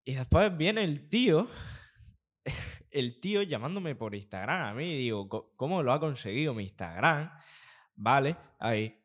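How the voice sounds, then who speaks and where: A young man from Spain, a podcast co-host telling animated stories in casual chat, with crude slang. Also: medium pitch, measured pace. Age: young adult. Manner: animated storytelling with acted quotes.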